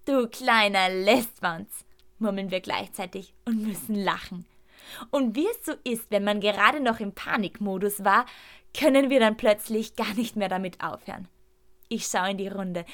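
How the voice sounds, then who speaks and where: A woman reading a first-person story aloud with lively, expressive storytelling. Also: mid-range voice. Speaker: narrator.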